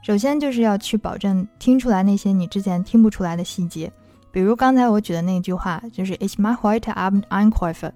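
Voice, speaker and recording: A woman's voice: mid-range voice, fast talker, mellow, no echo, soft background music. A woman language teacher giving a patient explanatory talk and walking through worked examples.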